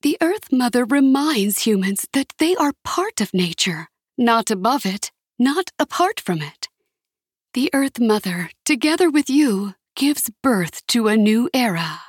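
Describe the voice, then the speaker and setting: A woman voicing an ancient skeletal Earth Mother spirit who proclaims in a high, chanting voice. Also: sing-song, a little slow, slightly rough, dry recording, clean studio sound, exaggerated voice. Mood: solemn commanding. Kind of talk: audiobook character voice.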